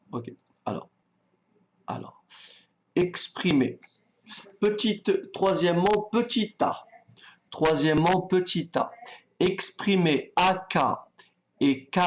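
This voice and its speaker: Slow, calm male maths teacher. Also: fairly high pitch. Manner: calm, patient, thinks aloud while writing; talks directly to students, checks they follow. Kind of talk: online exam-prep lesson.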